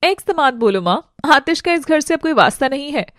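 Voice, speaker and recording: Woman voicing a spiteful sneering wife, high lively voice, abusive, dry close sound. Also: moderate pace, no room sound. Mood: mocking. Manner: sneering, abusive, shouting insults.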